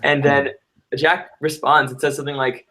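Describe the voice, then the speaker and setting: A man's voice: mid-range voice, flat delivery, normal speed, pushed and bright. A man in his twenties in casual chat on a video call, chatty and laughing often. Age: 20s.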